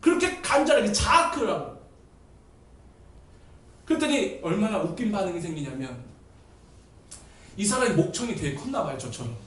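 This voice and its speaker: Male pastor preaching, high voice that swings all over, big echoey church, mic kinda far off. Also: moderate pace, long pauses, slight background noise. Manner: animated storytelling, acts out voices and shouts. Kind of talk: sermon. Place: church sanctuary.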